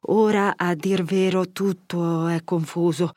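A woman's voice: on the low side, steady tone, slow pace, a little mellow, no echo, studio quality. A woman reading an audiobook, voicing a grave elderly male friar whose solemn words turn to severe rebuke. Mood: grave, gentle. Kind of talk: audiobook character voice.

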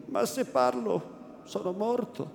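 A man's voice: sits high, lively intonation, slow pace, gravelly, slight background noise, voice pushed up, heavily acted. A man voicing an old, timid, frightened village priest who pleads in a fearful, rising voice, in an echoey room. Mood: fearful pleading. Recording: echoey room, faint ambience.

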